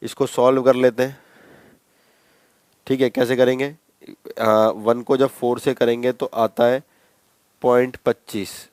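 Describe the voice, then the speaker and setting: A man lectures a maths class at a measured pace, pausing often, his medium-pitched voice smooth, a little mellow and showing little pitch movement. There's no echo. He chats through every step, repeats them, and refers to the students as bhai.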